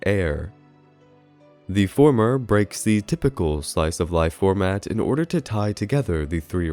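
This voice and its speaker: Earnest and formal, a man with a low voice and darkish tone narrates his scripted review. He is a video essay reviewer, and music sits beneath the narration.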